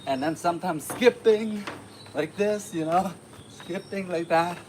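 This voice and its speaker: A man's voice: high-pitched, a little slow. Guy from vietnam doing a martial arts livestream, easygoing, lots of uhs, moving around while he talks, faint hiss. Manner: relaxed, chatty, many uh fillers, laughs often. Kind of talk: casual livestream chat. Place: home in the city.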